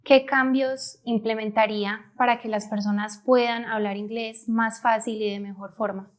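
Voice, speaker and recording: A woman's voice: fairly high pitch, fairly even intonation, moderate pace. A woman hosting an interview and asking brief, attentive questions.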